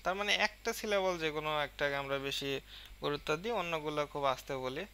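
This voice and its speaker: Bright, clear-voiced Bengali-accented teacher. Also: male voice, a little high. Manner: reads English lines slowly, then explains in Bengali with fillers. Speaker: English teacher. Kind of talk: explaining a lesson.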